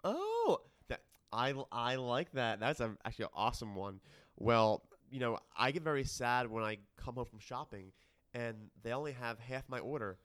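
A man co-hosting a podcast in casual pun banter, excitable and laughing, with sudden jumps up in pitch. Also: moderate pace, clean tone. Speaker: podcast co-host. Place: dining room.

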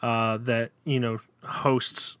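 A man's voice: medium pitch, little pitch movement, slow pace, a bit bright, smooth, no echo. A man co-hosting a podcast, reviewing films in a casual, hesitant way full of fillers. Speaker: podcast co-host. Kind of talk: casual chat.

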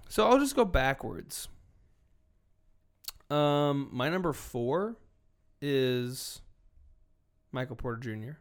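A man co-hosting a sports podcast in casual chat, animated and profane, swinging between loud bursts and low asides. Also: slow, pauses often, clear, resonant tone. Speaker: podcast co-host.

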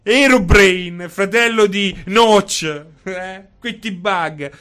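A man putting on the voice of a petty, complaining gamer, whining in a drawn-out, mocking tone. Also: high-pitched, sharp tone, clean tone, full character voice. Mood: mocking whine. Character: whiny adult male gamer, petty and complaining.

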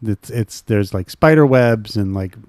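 A man's voice: fairly low pitch, animated, measured pace, a little mellow, no room sound, studio quality. A man co-hosting a comedy show, giving casual, rambling commentary in an amused, mock-serious way.

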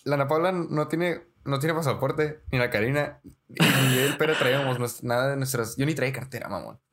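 A young man, a podcast co-host telling stories in slangy, animated casual chat. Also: mid-range voice, normal speed. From Mexico. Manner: slangy, says "güey" constantly, animated storyteller.

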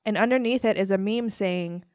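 A woman's voice: mid-range voice, moderate pace, darkish tone, dry recording, studio quality. A woman co-hosting a podcast, telling stories and running a quiz game with lots of laughing. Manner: giggly, storytelling. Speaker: podcast co-host, game runner. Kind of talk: casual chat.

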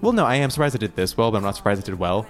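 A man's voice: fairly low pitch, big pitch swings, racing, soft background music. A man co-hosting a casual chat, ranting bluntly and profanely with strong opinions. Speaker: podcast co-host.

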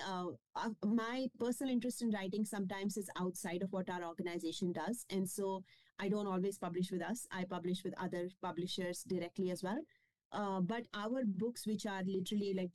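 Being interviewed about her children's books, this publisher and author chats casually, full of fillers and restarts. Her medium-pitched voice is a little mellow, and the audio is poor though free of room sound.

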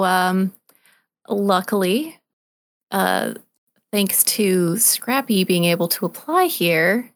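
Woman carefully explaining her game moves. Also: medium pitch. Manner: explains rules step by step. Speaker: player. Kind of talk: playing a tabletop game.

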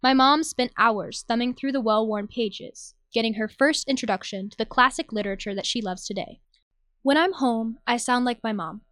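A young adult journalism student from Nashville, Tennessee, narrates a scripted personal audio essay. Her fairly high, slightly bright voice comes through with no room sound.

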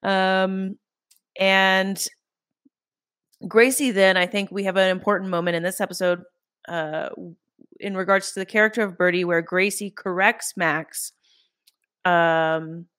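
A woman hosts a relaxed podcast chat in a playful, teasing way. Her voice sits in a middle range and is recorded dry, with no room around it. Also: medium pitch, a little slow, long pauses, smooth, dry recording. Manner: playful, teasing, calls people honey. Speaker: podcast host. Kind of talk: casual chat.

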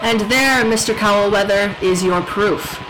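A woman's voice: mid-range voice, a little slow, noisy background, lightly acted. A woman playing a defiant rebel leader who broadcasts threats in a grand, coolly menacing manner. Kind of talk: audio drama acting.

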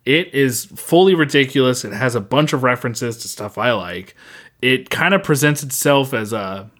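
A man's voice: mid-range voice, animated, normal speed, a bit bright. A man co-hosting a podcast in casual chat, rambling with many fillers and restarts. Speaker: podcast co-host.

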